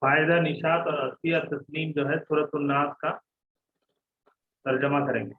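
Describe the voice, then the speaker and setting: A man's voice: fairly high pitch, steady tone, normal speed, slight background noise. Male online class teacher, brief prompts, voice breaking up over a tinny call line. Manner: calls on students and gives brief prompts. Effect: breaking, choppy online call connection. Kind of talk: leading an online lesson. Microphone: online video call.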